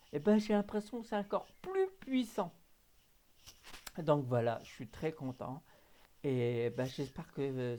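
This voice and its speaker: A man's voice: fairly high pitch, mellow. A man, talking casually and earnestly to his viewers, hesitant with many fillers and restarts. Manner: earnest and emotional. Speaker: hypnotherapist vlogger. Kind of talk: casual direct-to-camera talk.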